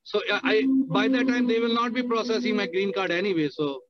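Caller, male, high voice, on a dull, dry car speakerphone, explaining in careful detail. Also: brisk, a crowd in the background. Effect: car speakerphone while driving. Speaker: caller asking a question. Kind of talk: casual question on a call.

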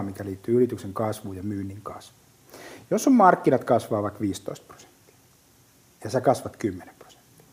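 A man's voice: lowish voice, husky. A middle-aged man talking casually and vividly, full of fillers and restarts. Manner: lively storyteller with many fillers and restarts. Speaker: business guest. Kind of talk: casual podcast chat.

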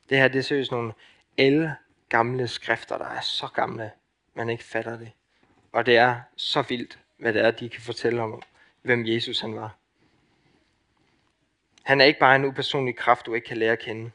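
Young Danish-accented male preacher, ringing bright voice, impassioned sermon that swings between loud emphasis and near-whispered intimacy. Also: mid-range voice, level tone, pauses often.

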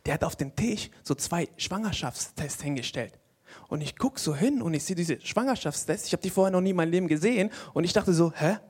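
A man's voice: fairly high pitch, lively intonation, fairly quick, a little mellow, slightly rough. A young man of Palestinian origin doing a stand-up comedy set on stage, telling casual, slangy stories and acting out other people's voices. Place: stage before a live audience. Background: audience laughter.

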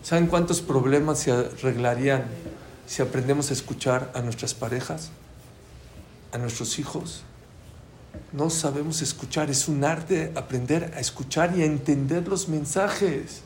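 Animated man teaching a class. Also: mid-range voice, measured pace, slight background noise. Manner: animated, asks the audience questions. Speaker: Torah teacher. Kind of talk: Talmud class for a live audience. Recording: roomy room with faint ambience.

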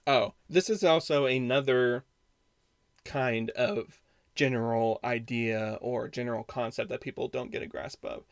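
A man's voice: mid-range voice, a little slow, dry recording. Rambling male podcaster, dry sound. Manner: rambling, frequent restarts and self-corrections. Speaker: podcast host. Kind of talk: casual storytelling monologue.

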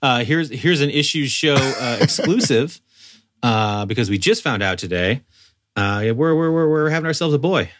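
A man's voice: mid-range voice, animated, moderate pace, fairly bright tone. A man in his thirties co-hosting a casual podcast, rambling and self-deprecating, often stammering and repeating words. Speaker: podcast co-host. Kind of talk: casual chat.

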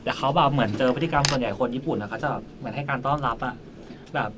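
A man co-hosting a podcast, telling a travel anecdote in a quick, animated way, sitting a little off the mic. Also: medium pitch, noisy background. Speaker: podcast co-host. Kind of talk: casual chat.

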